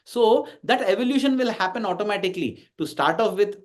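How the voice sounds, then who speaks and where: A man's voice: sits high, expressive, brisk. A man in his forties with an Indian English accent, giving an emphatic devotional talk to a congregation and acting out the dialogue in his stories. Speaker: invited speaker at a devotional gathering.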